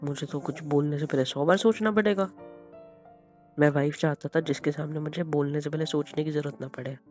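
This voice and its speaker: A man's voice: a little high, steady tone, a little fast. A man playing a husband in a scripted romantic call, coaxing and soothing one moment, stern and scolding the next. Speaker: roleplaying husband. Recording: dull lo-fi audio with soft music.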